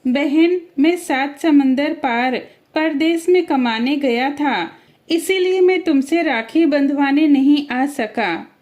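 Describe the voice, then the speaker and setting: A woman doing a gentle young brother. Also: high-pitched, slow pace. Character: kind young brother returned from abroad.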